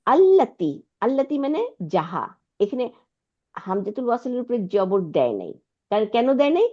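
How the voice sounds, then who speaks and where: A woman runs an online Arabic lesson, her higher voice rising and falling a lot as she explains. She patiently repeats words and keeps checking whether her student follows. The sound is dull and lo-fi, like an online call. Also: big pitch swings, normal speed. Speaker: Arabic teacher.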